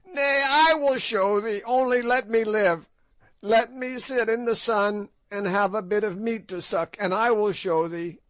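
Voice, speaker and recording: A male narrator puts on the voice of an ancient witch woman, shrieking and cackling, spiteful and defiant yet desperate in mood. Her voice leaps high and loud above his own reading voice, though the pace stays unhurried. The recording is dry and close, with no echo.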